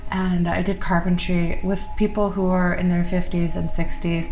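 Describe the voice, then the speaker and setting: A woman's voice: fairly low pitch, level tone, normal speed, a little mellow, dull audio, faint music behind. Chatty, blunt woman reading tarot cards. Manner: chatty and blunt, with casual swearing. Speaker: tarot reader. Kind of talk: casual tarot reading to viewers.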